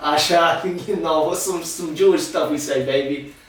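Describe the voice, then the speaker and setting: Casting: man as a cocky, slangy young rapper husband; high voice, distant roomy mic. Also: a little slow, lightly acted. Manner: swaggering street slang, cocky. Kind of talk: improvised sitcom acting.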